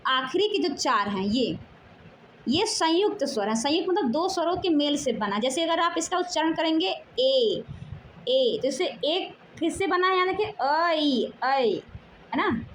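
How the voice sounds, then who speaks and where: A high-voiced woman gives a patient classroom grammar lesson. She draws out each sound and poses questions before answering them, with a faint hiss of noise behind her. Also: lively intonation, poor audio. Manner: explanatory, drawn-out syllables, asks questions then answers. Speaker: Hindi teacher.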